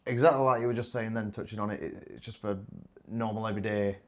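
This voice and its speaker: A young man with a fairly low voice talks bluntly in casual chat. He swears freely and pokes fun at himself. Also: steady tone, fast talker. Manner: blunt, sweary, self-deprecating. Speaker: guest.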